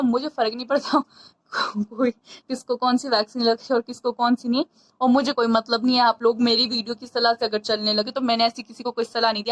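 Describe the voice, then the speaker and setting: A woman talks to her camera in a loose, chatty vlog style and wanders from point to point as she tells her story. Her voice sits a little on the high side, and she sounds short of breath throughout. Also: a bit bright, low-quality recording. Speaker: vlogger. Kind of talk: casual vlog talk to camera.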